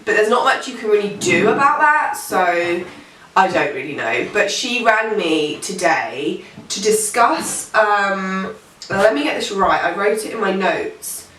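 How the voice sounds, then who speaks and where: A woman's voice: medium pitch, a bit bright. A pregnant young woman, chatting casually to camera in a rambling way, with many fillers. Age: teens. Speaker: vlogger. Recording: echoey room, mic far off.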